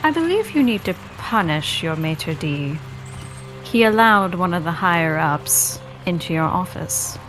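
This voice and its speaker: A woman's voice: on the low side, animated, a little slow, music in the background. A woman role-playing as a player in a tabletop game.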